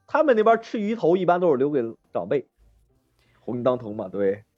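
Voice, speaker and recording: A man's voice: on the high side, big pitch swings, fairly quick, muffled recording, faint music behind. A man hosting a casual podcast chat, telling stories animatedly and acting out the people in them. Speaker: podcast host.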